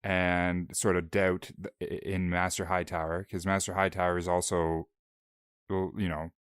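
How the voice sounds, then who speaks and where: A young man with a very low voice co-hosts a laid-back book podcast, recorded dry and close. He jokes around but is quick to set his partner straight on the details. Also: flat delivery, clear, resonant tone, dry recording. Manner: jokey, firmly corrects his co-host. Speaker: podcast co-host. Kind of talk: casual book discussion podcast.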